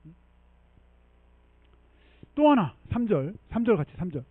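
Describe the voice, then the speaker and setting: A man preaching a sermon as pastor, animated and emphatic, often checking in with the congregation and leading them in reading scripture. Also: high voice, unhurried, no room sound, narrow, tinny audio. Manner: animated preaching with frequent rhetorical 'eung?' checks. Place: church sanctuary.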